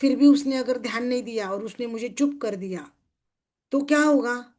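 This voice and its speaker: A woman's voice: fairly high pitch, moderate pace, a little mellow. A middle-aged woman, leading a motivational workshop as a success coach. She keeps asking her listeners questions, checks that they agree, and acts out everyday scenes in quoted speech. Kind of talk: motivational group workshop talk.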